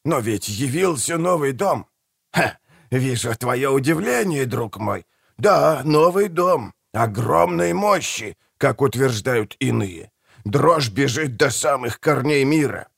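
A man voicing a toothless old male street trader who is wheedling and theatrical, with a husky voice and fawning, conspiratorial patter. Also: mid-range voice, animated, takes it slowly, no echo, clean studio sound, exaggerated voice. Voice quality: gravelly, husky. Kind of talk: audiobook character voice.

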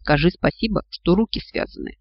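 A man voicing a feisty, sharp-tongued young woman who scolds and mocks her companions, in a storybook reading. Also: sits high, brisk, no echo, dull audio, natural voice. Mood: scolding. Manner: sarcastic, exasperated, scolding.

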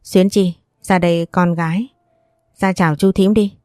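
A woman's voice: lowish voice, fairly even intonation, unhurried, warm tone, dry recording, studio quality, close to an everyday voice. Woman reading as a stern older uncle. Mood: gentle. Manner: firm, scolding. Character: stern older man, protective uncle figure.

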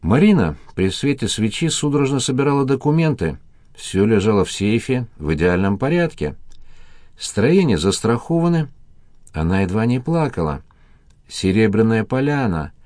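A man narrating an audiobook in a steady, even reading voice. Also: lowish voice, moderate pace, no room sound, studio quality. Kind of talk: scripted narration.

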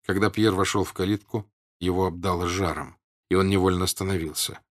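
A man narrating a classic novel in a measured, steady audiobook reading. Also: sits low.

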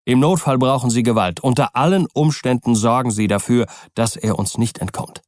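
A man's voice: mid-range voice, normal speed, darkish tone, no room sound, clean studio sound, lightly acted. A man reading as a stern commanding lawyer. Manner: firm, commanding. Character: stern determined male lawyer, middle-aged.

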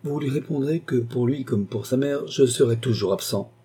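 A man's voice: medium pitch, normal speed, warm tone, slightly rough, voice pushed up, close to an everyday voice. A man voicing a frail elderly marquis. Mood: firm. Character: frail elderly male marquis, tender and stubborn.

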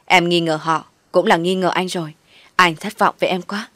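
A woman's voice: on the low side, fairly even intonation, normal speed, fairly bright tone, no echo, close to an everyday voice. A woman voicing a stern, disappointed young man who scolds in a firm, raised voice.

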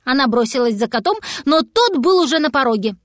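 A woman reading a children's audiobook with lively expression. Her voice is a little high, and the recording is dry and close. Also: a little fast, dry recording. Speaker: narrator. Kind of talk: audiobook narration.

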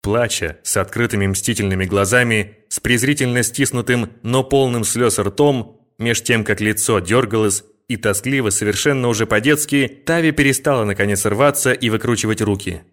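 A man reading a literary novel aloud as an audiobook, in a measured and expressive way. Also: lowish voice. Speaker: audiobook narrator.

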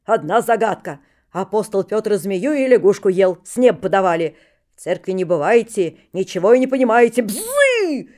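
A woman voicing a wild old holy-fool monk who shouts fierce rhyming prophecies at everyone in a storybook reading. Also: very high voice, expressive, normal speed, voice pushed up. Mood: ranting. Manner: shouts in rhyming sing-song outbursts.

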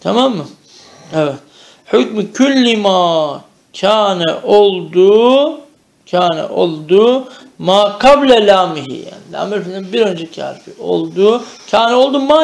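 In a reverberant space, a gravelly-voiced man with a somewhat high pitch gives an animated yet unhurried Arabic grammar lesson in the traditional style. Rhythmic chanted drills of verb forms alternate with Turkish explanations, and he keeps making sure his students are following.

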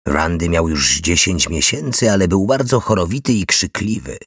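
A man reading a novel aloud in a steady, measured storytelling voice. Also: deep voice, breathy edge, no echo, clean studio sound. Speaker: audiobook narrator. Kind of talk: scripted narration.

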